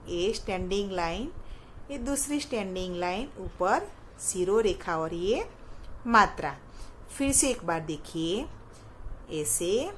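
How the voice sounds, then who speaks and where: A young woman teacher with a Gujarati-influenced Hindi accent, explaining every step to small children very slowly and patiently. Her voice sits at a medium pitch and keeps asking the class questions. A faint hiss runs underneath the recording. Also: a bit bright. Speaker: primary school teacher.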